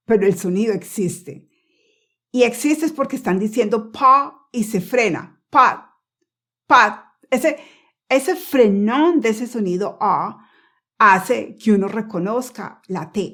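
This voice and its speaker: A woman teaching pronunciation in a relaxed, chatty way. Her first language is Spanish. She circles back over points and keeps asking if the listener is following. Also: medium pitch. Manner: chatty, repeats words, asks "¿ok?" often; slows down sharply to model English phrases. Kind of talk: casual explanatory lesson.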